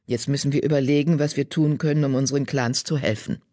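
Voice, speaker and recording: A man's voice: mid-range voice, steady tone, fast talker, a little mellow, no echo, clean studio sound, close to an everyday voice. A man voicing an earnest, urging male cat who founded a clan.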